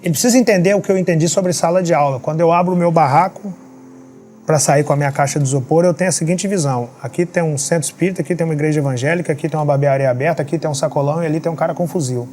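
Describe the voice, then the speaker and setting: Fast-talking man. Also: on the high side, a little mellow, slight background noise. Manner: emphatic, rhetorical questions. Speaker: podcast guest. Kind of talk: motivational storytelling. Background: faint background music.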